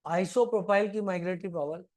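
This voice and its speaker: A man's voice: high-pitched, brisk, darkish tone. A man teaching a live chemistry class, chatty and playfully scolding his students as he works through problems. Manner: calls students "beta".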